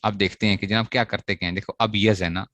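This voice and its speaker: A man's voice: on the low side, fairly even intonation, quick pace, a bit bright, dry recording. A man teaching a grammar lesson to students, asking questions and answering them himself as he repeats the key points. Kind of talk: classroom lecture on Arabic grammar.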